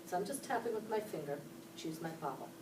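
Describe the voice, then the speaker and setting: A woman from Pittsburgh, Pennsylvania teaches a class, walking the children through each step and asking them questions. Her voice is lowish and brisk with lively intonation, and there's background noise. A camera across the room picks her up from far off in an echoey classroom.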